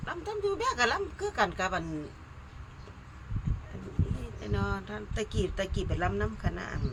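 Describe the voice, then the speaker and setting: A woman's voice: mid-range voice, moderate pace. An older woman with an Isan accent, a mor lam singer chatting casually and breaking into song. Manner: animated, breaks into singing and laughter. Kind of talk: casual chat in Isan dialect with sung mor lam passages. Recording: noisy recording.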